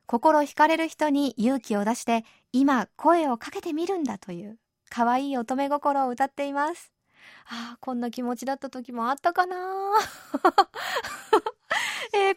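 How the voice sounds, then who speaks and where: Woman radio host, chatty and easygoing, fairly high voice, dry close studio sound. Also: dry recording. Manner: chatty, adds soft tag particles often. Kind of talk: radio program presenting.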